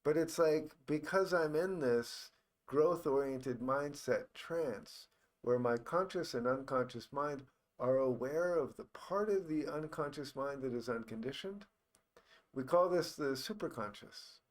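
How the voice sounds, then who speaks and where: Reflective man explaining in halting phrases. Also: medium pitch. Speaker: hypnosis teacher. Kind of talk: informal explanatory talk on hypnosis and mindset.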